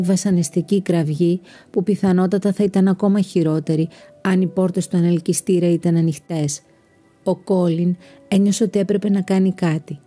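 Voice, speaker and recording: Female storyteller for scripted narration, dark mellow tone, steady delivery. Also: fairly low pitch. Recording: narration over soft background music.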